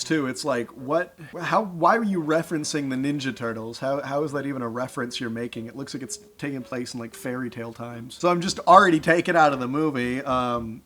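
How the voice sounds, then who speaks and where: Bright, excitable young man doing sarcastic commentary. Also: mid-range voice. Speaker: video host. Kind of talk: reaction commentary.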